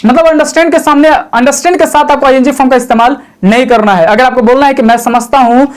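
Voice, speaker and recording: A man's voice: extremely high pitch, steady tone, fast talker. A man giving a spoken grammar lesson, asking himself questions and answering them, repeating each point and addressing the viewer as "sir" in a chatty tone. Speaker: English grammar teacher.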